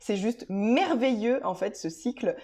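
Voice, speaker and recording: A woman's voice: on the high side, animated, measured pace, dark tone. A woman talking casually to her viewers in a video, explaining things directly, with many hesitations and restarts. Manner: addresses viewers directly and informally. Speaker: vlogger.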